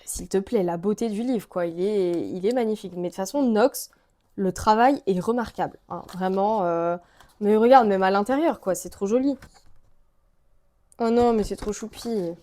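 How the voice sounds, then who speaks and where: A woman's voice: mid-range voice, moderate pace, mellow. A young woman with a French accent, chatting casually to camera about books as a vlogger, gushing and full of fillers. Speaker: book vlogger.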